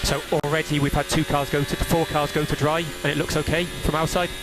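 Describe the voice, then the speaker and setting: A male race engineer speaks over team radio through a headset, his voice fairly high, flat, and fairly quick. His instructions are clipped and procedural, and he repeats the key calls. The motor racing radio feed is noisy, with loud engine and track sound behind him.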